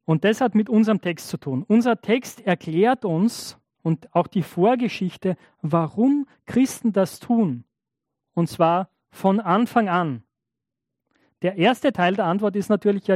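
Preaching conversationally and often checking in with the congregation, a man acts out biblical and imagined speakers in altered voices. His voice is high and a little mellow, captured in clean studio sound with no echo.

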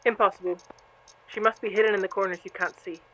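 An actress playing a friendly, patient hallway camera who guides and reassures the other machines in an audio drama. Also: female voice, mid-range voice, steady tone, fast, natural voice. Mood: patient, probing. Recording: dull lo-fi sound, loud noise.

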